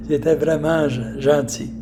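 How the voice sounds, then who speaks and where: A man in his eighties with a Québécois accent, telling stories from his life in a rambling, halting way full of fillers and restarts. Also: fairly high pitch, background noise. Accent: Québécois French. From Quebec. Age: 80s. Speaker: storyteller recounting his life. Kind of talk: casual life storytelling.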